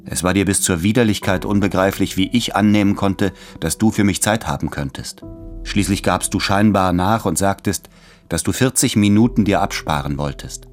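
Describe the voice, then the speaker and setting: A man's voice: deep voice, normal speed, faint music behind, close to an everyday voice. An actor playing an anxious, stubborn man in a radio play, who refuses to go to his lover and speaks with tense desperation.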